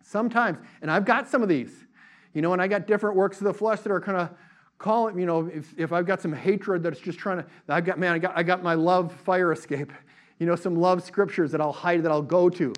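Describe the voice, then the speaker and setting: A middle-aged male pastor preaching a sermon in a lively, conversational way, mixing casual asides with fervent declarations. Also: sits high, fairly quick. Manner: animated preaching, acts out voices in quotes.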